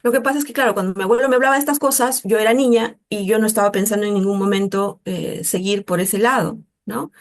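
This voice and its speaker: A middle-aged Peruvian woman in a casual interview, talking in a chatty, animated way and often tagging her sentences with a questioning "¿no?". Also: medium pitch, fast, few pauses. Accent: Peruvian Spanish. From Peru. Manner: chatty, animated, mimics voices in quotes, frequent "¿no?". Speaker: interviewee, artist.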